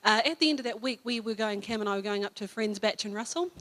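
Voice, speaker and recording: A woman's voice: medium pitch, quick pace, a bit bright. Chatty New Zealand woman giving a sermon. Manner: storytelling, chatty with fillers and self-corrections. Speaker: church speaker. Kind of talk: informal sermon talk. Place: church hall.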